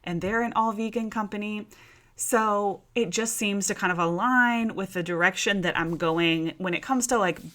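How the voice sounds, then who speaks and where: A woman hosts her own podcast, talking to her listeners like friends on a couch, calling them "you guys" and "y'all." Her voice is bright and forceful, and it sits a little low for a woman. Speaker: podcast host. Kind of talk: casual solo podcast talk.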